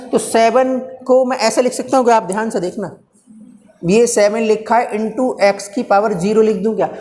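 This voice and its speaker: A man's voice: very high voice, darkish tone. Man teaching physics in an echoey classroom. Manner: coaxing, teasing students, talking through steps aloud. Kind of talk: live classroom lecture. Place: classroom with students. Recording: reverberant classroom, faint background noise.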